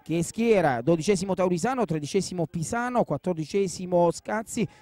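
A man giving excited live football commentary, repeating names and phrases. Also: high-pitched, brisk.

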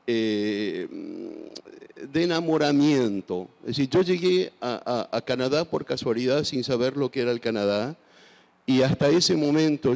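Answering interview questions as an author guest on a large festival stage, an Argentine man in his sixties holds a handheld mic. His medium-pitched voice has a darkish tone and vocal fry, and he is thoughtful and hesitant, with frequent fillers and restarts. The recording has a long hall reverb.

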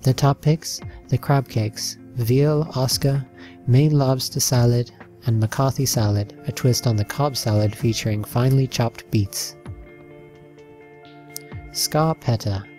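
A man with a warm, mellow voice at a middle pitch reads a slideshow narration slowly. His delivery is even and list-like with the odd slip, and soft music plays underneath.

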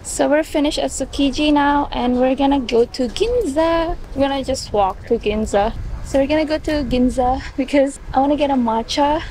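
A woman's voice: high voice, normal speed, darkish tone, a little hiss or hum, poor audio. A woman talking casually to the camera as a travel vlogger, chatty and full of "like" fillers, out on city streets and in shops. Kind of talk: casual vlog chat. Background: background music.

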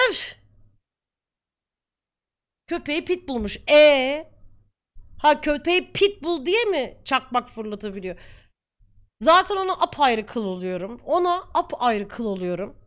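A woman's voice: high-pitched, sing-song, moderate pace. A young woman streamer talking casually to her viewers, heated and ranting at times. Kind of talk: casual chat.

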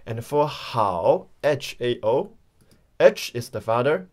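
Slow, encouraging man teaching pronunciation. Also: medium pitch, animated, a little mellow. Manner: friendly and encouraging, addresses learners directly; non-native grammar. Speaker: Mandarin teacher. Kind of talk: slow online pronunciation lesson.

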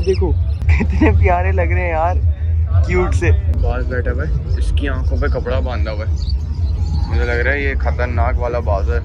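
Excited young Karachi man vlogging. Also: on the high side, highs cut off. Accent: Karachi Urdu. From Pakistan. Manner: excited, exclaiming over animals. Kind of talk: casual vlog commentary. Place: outdoor cattle show and expo.

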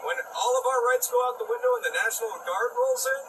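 American guy talking urgent to cops, really high voice, far off noisy bodycam replay. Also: sing-song, fast talker, vocal fry. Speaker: civilian talking to police officers. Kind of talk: impassioned casual street conversation. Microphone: police body camera, re-recorded from laptop speakers. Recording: distant, noisy bodycam audio replayed off a screen.

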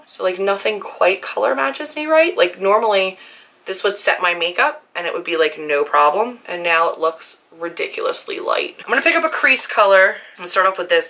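A young woman with a hoarse, worn voice, chatting casually while demonstrating makeup on her channel. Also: lowish voice, pushed and bright. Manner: chatty, filler-heavy, self-deprecating. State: hoarse from screaming. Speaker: beauty vlogger.

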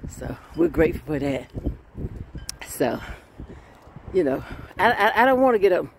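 A woman, preaching a sermon in a lively folksy way and laughing often. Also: deep voice, moderate pace, vocal fry, slight background noise.

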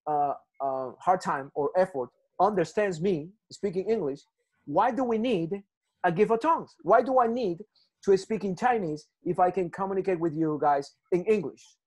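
A high-pitched man with lively intonation and a darkish tone speaks at normal speed. He's from Ecuador, has a Spanish accent, and teaches a Bible class on a video call. He's earnest, repeats things, restarts frequently, and tosses in "right?" checks.

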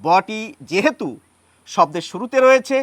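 A man teaching as he writes, patient and unhurried, pausing often with fillers. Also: high-pitched, lively intonation, a bit bright, dry recording. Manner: patient, with many pauses and fillers. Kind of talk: explaining Bengali pronunciation at a board.

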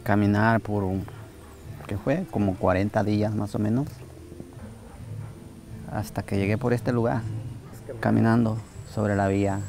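A middle-aged man from El Salvador with a Salvadoran Spanish accent, speaking outdoors in a halting, plainspoken way with many fillers and restarts. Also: fairly low pitch, flat delivery, gravelly, a little mellow. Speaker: migrant worker. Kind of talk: documentary interview testimony. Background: music.

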